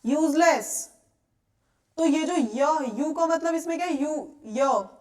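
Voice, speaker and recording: A young woman with an Indian accent gives a classroom grammar lesson in a high, clear voice. She explains patiently and keeps asking the class whether it is clear. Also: measured pace, darkish tone. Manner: explains patiently, asks checking questions often. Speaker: English teacher. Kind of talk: classroom lecture.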